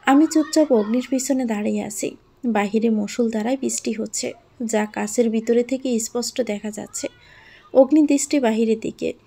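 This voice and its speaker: A woman reads an emotional first-person love story aloud. Her delivery is soft, heartfelt and earnest, in a mellow, slightly high voice with a gravelly edge. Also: moderate pace.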